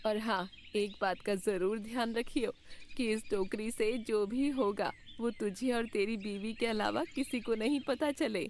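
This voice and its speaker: In a Hindi cartoon fairytale, a woman with a fairly high, slightly mellow voice plays a kindly magical old woman at a measured pace, with slight background noise. She sounds soothing, motherly, benevolent and assuring, addressing the listener as son.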